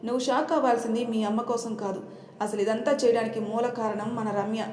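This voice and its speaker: A woman's voice: on the high side, fairly even intonation, a little fast, darkish tone, natural voice. A woman voicing an angry, protective young man who scolds sternly. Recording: roomy reverberant room.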